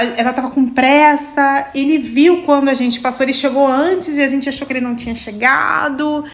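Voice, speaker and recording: A woman from Brazil recounts a personal story in a lively, heartfelt vlog style, with a voice that sits a little higher than most. She speaks straight to her viewers as if chatting with friends. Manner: animated, emotional, addresses viewers as "gente". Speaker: vlogger telling her love story.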